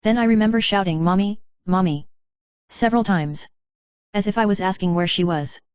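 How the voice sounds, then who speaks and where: Smooth, clear woman reading a story. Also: medium pitch, brisk, a little mellow, dry recording. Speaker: narrator. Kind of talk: scripted first-person story narration.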